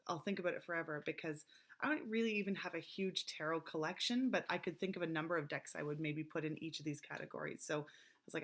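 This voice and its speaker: A woman vlogging casually about tarot decks, chatty and rambling, her voice still a little hoarse from recovering. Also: fairly low pitch, fairly bright tone. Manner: chatty, rambling, with many fillers and laughs. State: recovering voice, slightly hoarse with coughs. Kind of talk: casual chat to camera.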